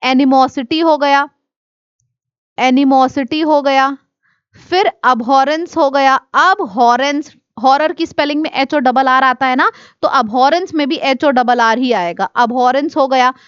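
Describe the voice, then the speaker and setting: A woman teaching exam vocabulary, listing synonyms and antonyms in quick drilling runs. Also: high voice, clean tone, no echo, highs cut off. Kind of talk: exam-prep vocabulary lesson.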